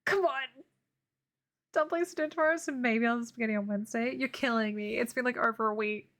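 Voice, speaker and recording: A young woman with a fairly high, slightly bright voice talks fast while streaming her drawing. The art streamer chats casually and playfully, giggling and laughing often.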